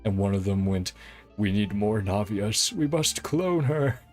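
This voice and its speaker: A deep, expressive voice with a darkish tone and a measured pace belongs to a game livestream host. He chats casually in a giggly, hesitant, rambling way while video game music plays behind him.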